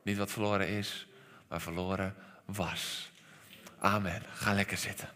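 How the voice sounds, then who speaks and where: A Dutch man preaching a sermon as pastor, animated, dropping to quiet lines and sometimes shouting. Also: lowish voice, a little slow. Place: church hall. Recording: long reverb of a church hall.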